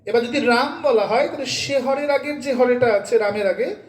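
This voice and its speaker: High-pitched guy preaching and chanting to a gathering, echoey room. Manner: asks the audience questions, chants verses slowly. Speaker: Gita and Harikatha reciter. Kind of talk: devotional discourse with sung kirtan. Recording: roomy echo.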